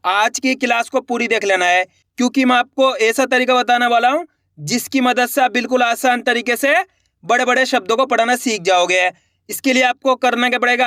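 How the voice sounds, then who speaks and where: A man from India patiently teaching a slow, step-by-step reading lesson, drawing out syllables and repeating each point. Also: extremely high pitch, sharp tone, dry recording, studio quality. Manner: patient, repetitive, drawn-out syllables.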